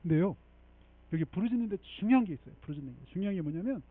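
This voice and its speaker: Animated high-voiced male pastor preaching. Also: racing, breathy edge, narrow, tinny audio. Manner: animated preaching with frequent rhetorical 'eung?' checks; leads congregation in unison scripture reading. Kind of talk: sermon. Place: church sanctuary.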